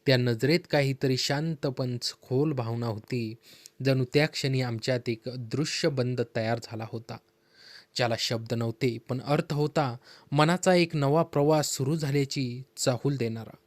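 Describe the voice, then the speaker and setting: Speaking in the first person, a man tells a heartfelt story in a calm, steady, middle-pitched voice at a slightly slow pace. The sound is dry and close, with no sense of room and no echo.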